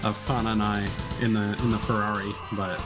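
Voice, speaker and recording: Through a headset microphone, a man with a lowish voice keeps a steady tone at a moderate pace over music. He's a video game live streamer who commentates by thinking aloud, casual and self-deprecating.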